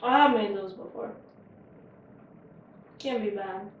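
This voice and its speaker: A woman's voice: medium pitch, slow pace, muffled recording, a little hiss or hum. A woman hosting a casual home cooking show, chatting and joking while she tastes her food in her kitchen. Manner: chatty, joking, talks with her mouth full. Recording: echoey kitchen, mic far off.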